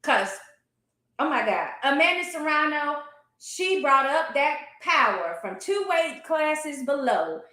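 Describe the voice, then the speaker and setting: Emphatic high-voiced woman talking boxing. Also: big pitch swings, slow pace, sharp tone. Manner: emphatic, colloquial, opinionated. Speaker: boxing talk show commentator. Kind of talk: animated casual sports discussion. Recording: roomy, echoey sound.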